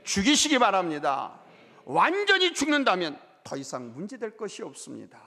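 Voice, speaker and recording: A man pastor preaching a sermon, telling stories and acting out both sides of a dialogue, swinging from loud emphasis down to near-whispers. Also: sits high, huge pitch swings, normal speed, gravelly. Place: church sanctuary. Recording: hall reverb from a church sanctuary.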